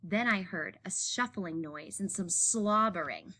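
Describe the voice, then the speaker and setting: A woman reading a children's picture book aloud in an expressive narrating style. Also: lowish voice, a little slow. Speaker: story reader.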